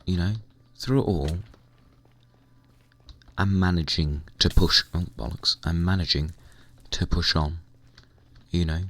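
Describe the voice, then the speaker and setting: Croaky deep guy rambling while he games, gravelly. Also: fairly even intonation, measured pace, pauses often, fairly bright tone. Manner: rambling, chatty, mild swearing. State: hoarse, recovering lost voice. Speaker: gaming vlogger. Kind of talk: casual chat while playing a game. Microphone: desk microphone at computer.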